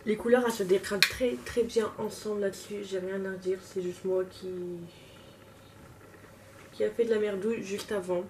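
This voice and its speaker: A woman talks casually to her viewers while doing her own makeup, pausing, muttering and laughing at her own slips. The mic sits a little away from her, and a clear hum of room noise runs under her mid-pitched voice. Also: fairly even intonation, far from the mic. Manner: chatty, self-mocking, talks while working. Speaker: beauty vlogger. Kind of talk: casual makeup tutorial chat. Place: home, at a makeup table.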